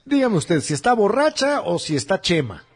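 A Mexican man with a slightly high, husky voice co-hosts a comedy chat. His pitch swings widely as he teases and drops slang, and faint music plays behind him. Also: sing-song, normal speed. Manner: teasing, laughs often, slangy. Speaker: comedy show co-host.

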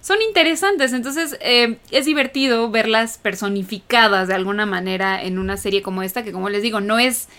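A woman's voice: on the high side, fairly quick, hardly any pauses, fairly bright tone. A woman co-hosting a podcast, chatting casually and thinking aloud with many fillers. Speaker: podcast co-host.

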